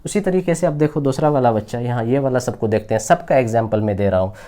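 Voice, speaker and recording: Mellow-voiced male teacher, patient. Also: mid-range voice. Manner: addresses students as "children", repeats example sentences slowly; explains patiently and rephrases often. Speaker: English teacher. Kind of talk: classroom grammar lecture.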